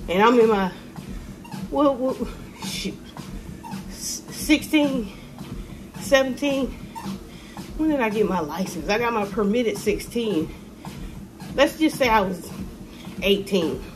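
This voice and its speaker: Slow-talking, sassy woman vlogger ranting. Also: background noise. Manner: animated, ranting, sassy, with sudden high exclamations. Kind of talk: casual commentary to camera. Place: room with ceiling lights, indoors. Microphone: phone camera held below face.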